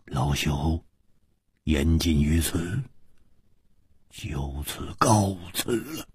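A man's voice: very deep voice, expressive, darkish tone, husky, no room sound, clean studio sound, pitched below the performer's own voice, heavily acted. A man voicing a courteous, evasive old swordsman in a read-aloud martial arts story. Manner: measured, self-styled "old man". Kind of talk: storybook narration.

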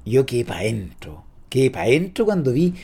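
Animated, slangy Chilean man. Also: mid-range voice, moderate pace, vocal fry, slightly rough. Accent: Chilean Spanish. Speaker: comedy cast member. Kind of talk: improvised comedy banter.

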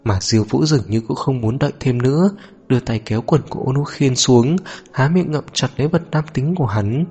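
A man narrating a romance audio novel in an even, steady storytelling manner. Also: mid-range voice, brisk, husky, soft background music.

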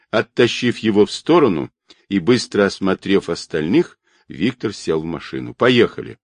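A man narrating an adventure story as an audiobook in an expressive, dramatic reading. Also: lowish voice, no room sound. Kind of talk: scripted narration.

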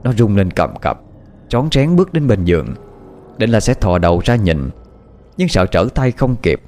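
A man narrating a horror story with expressive, dramatic pacing. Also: on the low side, moderate pace, a little hiss or hum. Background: faint music.

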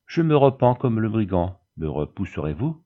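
A man's voice: fairly low pitch, big pitch swings, moderate pace, phone-quality sound. A man reading the part of a grieving old peasant widow who pleads in fervent prayer. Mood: pleading.

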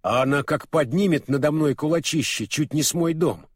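A man's voice: a little high, normal speed, slightly rough, dry recording, clean studio sound. A man voicing a stubborn, boastful former king, a reformed middle-aged man, in an audiobook. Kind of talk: audiobook character voice.

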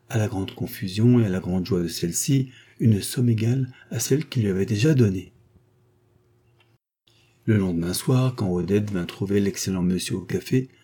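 A man reads a short story aloud in a steady, measured way. His voice is dark and mellow with a husky grain. He narrates the story at an even pace. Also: lowish voice. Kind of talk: scripted reading of a short story.

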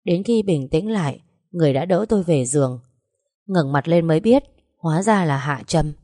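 Woman, story narrator, dramatic first-person telling, lowish voice, dry close sound. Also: animated, normal speed, warm tone, dry recording.

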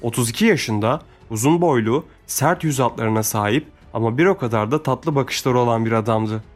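A man reading a classic adventure novel as an audiobook, with a steady storytelling manner. His voice sits at an ordinary mid pitch for a man. Faint music plays quietly underneath. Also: a little fast. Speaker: audiobook narrator. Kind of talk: scripted narration.

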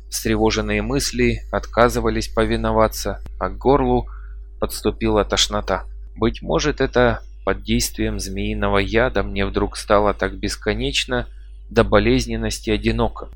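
Male audiobook reader, low voice, dry close recording, measured. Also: dry recording. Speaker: audiobook narrator. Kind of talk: scripted narration.

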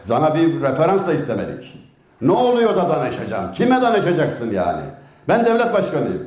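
A man's voice: moderate pace, echoey room. A man telling humorous anecdotes in a religious talk, acting out the characters with big swings of voice. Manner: animated, swings pitch up and down to act out each character. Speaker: storyteller giving a religious talk. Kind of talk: storytelling talk with acted quotes.

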